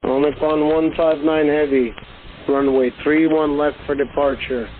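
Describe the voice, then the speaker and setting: A man's voice: fairly high pitch, fairly even intonation, unhurried, narrow, tinny audio. A man with an American accent working as an air traffic controller, giving blunt, clipped, lecturing instructions over aviation radio.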